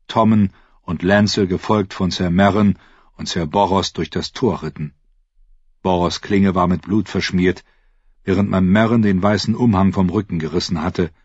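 A male narrator with a low, husky voice tells the story in a measured audiobook reading. The recording is dry and a little dull. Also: no room sound. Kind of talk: scripted narration.

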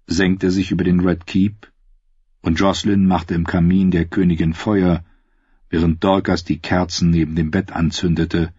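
Husky male audiobook narrator. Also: deep voice, no echo, highs cut off. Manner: measured, even storytelling. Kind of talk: audiobook reading.

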